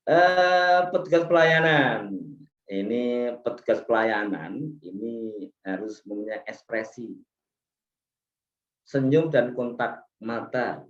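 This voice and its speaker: A man's voice: medium pitch, slow pace, pauses often, a little hiss or hum. A man giving a seminar talk on customer service, going through his points one by one and asking the audience to agree. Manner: explains points one by one, asks the audience "ya kan?"; acts out service staff lines in a raised voice. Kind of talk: seminar presentation with slides. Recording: echoey hall, dull PA sound.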